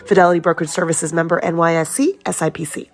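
A woman with a fairly low voice reads scripted podcast ads. Her delivery is smooth and upbeat, and faint music plays underneath. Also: level tone, fast, no echo. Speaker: ad reader for a podcast. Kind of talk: scripted ad read.

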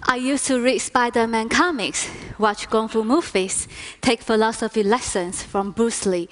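Woman performing a talk on stage, kinda high voice, slow and really expressive.

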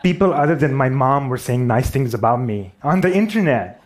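A man's voice: medium pitch, animated, normal speed. Pakistani-accented guy giving a talk, wry, self-deprecating jokes. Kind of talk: storytelling conference talk.

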